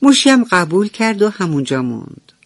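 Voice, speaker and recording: A woman narrating a bedtime story for children on the radio, gentle and affectionate. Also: medium pitch, very animated, no echo. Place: radio studio.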